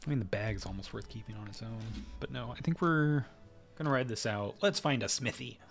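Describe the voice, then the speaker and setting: Over soft background music, a man thinks aloud while playing a game live, mostly muttering to himself but breaking into sudden exclamations. He talks briskly in a mid-range voice with vocal fry.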